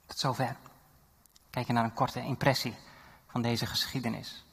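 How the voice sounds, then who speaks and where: A man preaching a sermon and retelling a Bible story, animated, with loud exhortation and quiet reading. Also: mid-range voice, moderate pace, slightly rough. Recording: long hall reverb.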